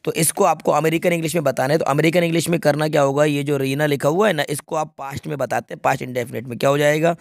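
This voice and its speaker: A man's voice: a little high, steady tone, fast talker, vocal fry, hardly any pauses, dry recording, studio quality. A man teaching English grammar, walking through an exam paper step by step and often checking that students follow. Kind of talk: exam paper walkthrough lesson.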